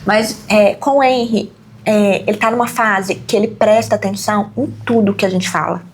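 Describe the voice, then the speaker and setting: A woman in her thirties chatting casually as a podcast host, lively as she tells stories and acts out quoted speech. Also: medium pitch, normal speed, a little hiss or hum. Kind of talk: casual chat.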